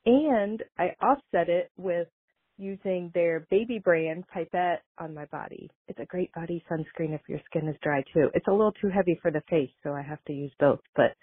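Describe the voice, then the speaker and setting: A woman's voice: on the low side, normal speed, slightly rough, no room sound. A woman from Ohio calls in and leaves a casual, chatty voicemail, heard over a landline phone. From Ohio, United States. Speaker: caller leaving a voicemail. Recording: tinny dry phone line.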